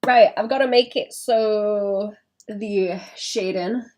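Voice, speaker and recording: A woman chats away on her live stream as she draws, thinking aloud. Her sentences stop and restart often. Her voice sits at a middle pitch, and a faint noise runs behind it. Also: steady tone, takes it slowly, a little mellow. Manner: thinks aloud, chatty and self-interrupting. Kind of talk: casual live-stream chat while drawing.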